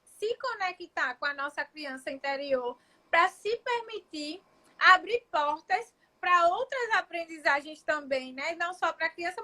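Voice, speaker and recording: A woman with a very high, bright voice hosts a casual live chat on a video call. She talks in a reflective, searching way, often restarting a thought and checking in with her listener. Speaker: child psychologist and live-stream host.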